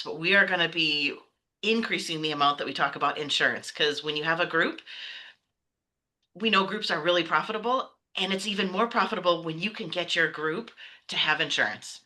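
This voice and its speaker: A woman's voice: fairly low pitch, bright, forceful tone. An upbeat, enthusiastic woman hosting an interview over a video call. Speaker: host.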